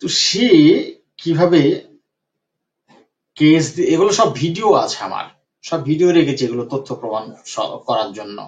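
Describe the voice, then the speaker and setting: A man's voice: a little high, sing-song, moderate pace, long pauses. A man working as a homeopathic doctor, retelling a patient's case and repeating phrases for emphasis. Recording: dull lo-fi recording.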